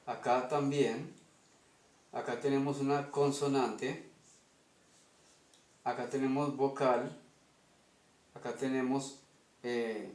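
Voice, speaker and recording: Slow, methodical Colombian man teaching. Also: mid-range voice, little pitch movement, a little mellow, reverberant. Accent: Colombian Spanish. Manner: methodical, checks in with "ok?". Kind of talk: explaining an invented language at a whiteboard.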